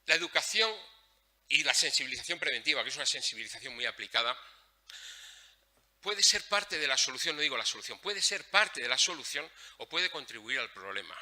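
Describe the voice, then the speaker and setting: A man speaks at a workshop in a lecture hall. His voice is very bright and forward, and he tells his stories bluntly, acting out each exchange. His pitch sits in the middle range. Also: fairly quick. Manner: blunt, animated storytelling with acted-out dialogue. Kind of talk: conference talk with anecdotes.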